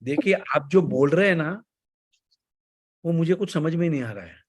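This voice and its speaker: A man coaching an online class in Hindi mixed with English, with an Indian accent, who deliberately varies his pace and loudness and pauses after key points. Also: fairly high pitch, lively intonation, husky.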